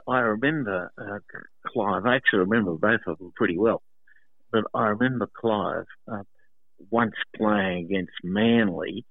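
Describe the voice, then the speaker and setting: An older man from Sydney with an Australian accent, reminiscing casually as an interview guest, telling stories with pauses. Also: on the low side, no echo. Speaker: interview guest, lifelong rugby league fan. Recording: thin, phone-like narrow sound.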